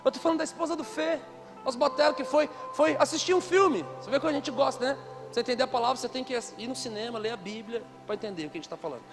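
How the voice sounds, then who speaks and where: A man's voice: very high voice, rapid-fire, over music. A man preaching a conference sermon into a handheld microphone, telling stories with playful asides. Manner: lively storytelling with playful asides.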